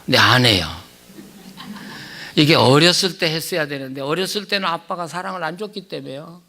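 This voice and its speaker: Older guy preaching at a revival, kinda high gravelly voice, storytelling then praying. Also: a little fast, bright, forceful tone. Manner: storytelling, chuckling, then earnest prayer. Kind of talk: sermon. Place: church revival meeting.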